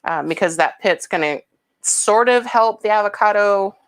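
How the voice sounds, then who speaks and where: A woman's voice: mid-range voice, normal speed. A woman hosting a home cooking demonstration, explaining each step in a chatty, homey way with casual asides. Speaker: cooking show host.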